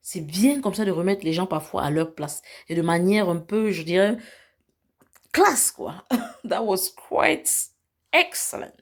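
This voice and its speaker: A woman's voice: lowish voice, lively intonation, unhurried. A woman, a vlogger recapping a reality show in a casual storytelling way. She acts out the people she retells and drops into English phrases.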